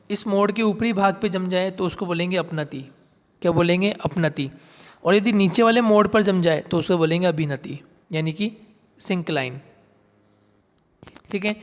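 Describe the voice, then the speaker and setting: A man's voice: high-pitched, in a large hall. A man giving a geography lesson, explaining step by step and repeating key terms, asking his viewers questions and answering them himself. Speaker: geography teacher. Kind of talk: classroom lecture.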